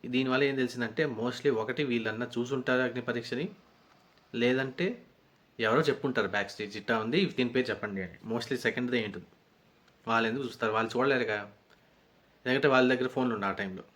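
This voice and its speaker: A man's voice: mid-range voice, fast talker, long pauses, fairly bright tone. A man giving a rambling, conversational recap of a reality show episode as a reviewer. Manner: rambling, conversational retelling with frequent restarts.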